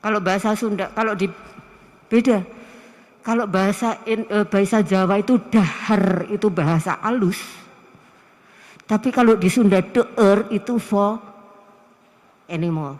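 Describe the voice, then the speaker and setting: A middle-aged woman lecturer with a Javanese accent teaches a class in a lively way, often asking her listeners questions. Her voice sits at an ordinary pitch for a woman. The recording has a long reverb, like a large lecture hall. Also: unhurried, pauses often. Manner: lively, asks the audience rhetorical questions. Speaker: university lecturer.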